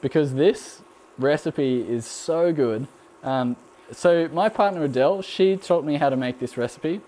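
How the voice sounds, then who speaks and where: This cooking channel host is a young Australian man whose mild accent and slightly high voice come through at a measured pace. Chatting with plenty of fillers and frequent ums, he rambles easily through viewer questions on his live stream, laughing often.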